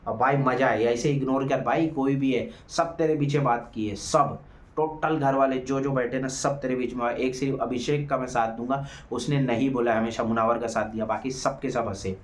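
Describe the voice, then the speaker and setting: A man's voice: medium pitch, steady tone, normal speed. Heated man reviewing a reality show. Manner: heated, mocking, addresses viewers as guys and friends. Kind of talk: opinionated show review commentary. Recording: echoey room.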